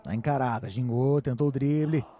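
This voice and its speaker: A man's voice: mid-range voice, a little fast, mellow, lo-fi sound. A Brazilian man working as a sports commentator, calling live play-by-play in short, clipped phrases.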